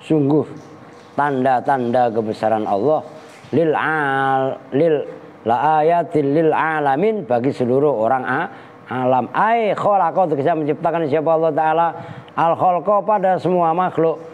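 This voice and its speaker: A male teacher at an Islamic boarding school giving a kitab lesson, joking animatedly, mimicking animal sounds and chanting Arabic slowly. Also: on the high side. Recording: long reverb with faint ambient noise.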